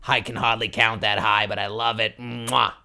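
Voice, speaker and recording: A man's voice: fairly low pitch, little pitch movement, moderate pace, creaky, bright, forceful tone, exaggerated voice. A man voicing a cranky older woman who answers listener questions, indignant and sarcastic. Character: cranky New York older woman advice columnist.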